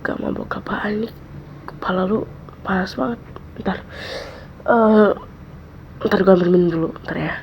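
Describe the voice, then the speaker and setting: Brief: woman, whispered role-play as caring friend, gravelly soft voice, dull lo-fi mic with faint hiss. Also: mid-range voice, measured pace, pauses often. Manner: soothing, repeats comforting words, soft and close. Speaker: ASMR role-play creator.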